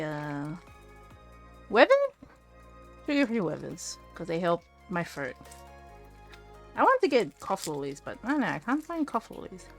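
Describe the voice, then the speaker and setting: A woman's voice: lowish voice, gravelly, pushed and bright. A woman streaming from home, chatting casually and rambling to her chat while fixing her setup, close to a desk mic.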